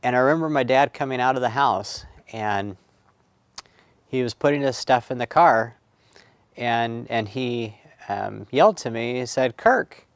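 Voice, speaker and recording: A middle-aged man recounting childhood memories in a recorded oral history, reflective and halting with many pauses and fillers. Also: medium pitch, smooth, dry recording. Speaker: family history storyteller.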